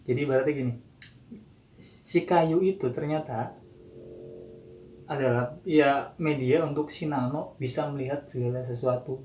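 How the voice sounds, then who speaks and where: Young man, Jakarta accent, animated storyteller; roomy echo. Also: medium pitch, normal speed, pauses often. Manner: animated, acts out quotes. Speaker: guest storyteller. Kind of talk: casual horror storytelling. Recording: roomy echo, faint noise.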